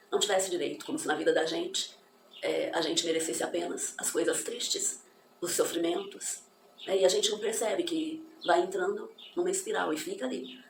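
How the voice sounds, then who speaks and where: Gravelly-voiced woman teaching in an echoey room. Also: on the low side. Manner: encouraging, reflective, spells out pronunciations. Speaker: English teacher. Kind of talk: motivational English lesson. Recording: echoey room with faint background noise.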